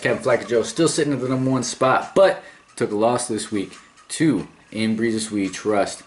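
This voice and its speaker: Laid-back man recapping fantasy football. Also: on the low side. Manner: laid-back, rambling with fillers and small chuckles. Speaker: fantasy football league commissioner and host. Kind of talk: casual recap chat.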